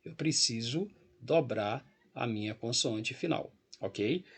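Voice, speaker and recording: A man's voice: mid-range voice, lively intonation, takes it slowly, slightly rough. A man with a Brazilian Portuguese accent teaching an English grammar lesson, explaining patiently while walking through a website and checking in with the class often. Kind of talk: recorded grammar lesson with screen walkthrough.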